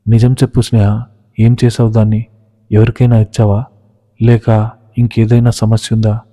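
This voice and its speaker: A man's voice: lowish voice, little pitch movement, normal speed, dark tone, close to an everyday voice. A man voicing a proud young husband who questions his wife with reproach. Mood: reproachful. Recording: reverberant, dull lo-fi recording.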